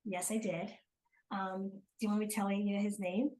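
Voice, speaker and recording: A woman's voice: medium pitch, level tone, normal speed, mellow, low-quality recording. An older woman from South Jersey with a South Jersey accent, chatting as an interview guest, hesitant with many ums and restarts. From South Jersey, USA. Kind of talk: casual interview chat.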